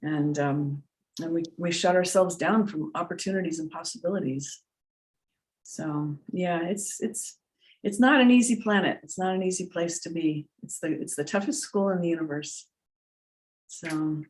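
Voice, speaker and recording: A woman's voice: fairly low pitch, normal speed. A middle-aged woman who works as a trance medium, answering questions in an earnest, reflective, unscripted way and repeating words for emphasis. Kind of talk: unscripted spiritual Q&A talk.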